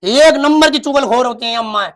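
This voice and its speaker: A man's voice: very high voice, a little fast, a little hiss or hum. A man playing a chatty, sassy woman who gossips and mocks in a comic sketch. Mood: mocking. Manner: animated, teasing, mocking storytelling. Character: chatty gossiping adult woman, sassy older sister type.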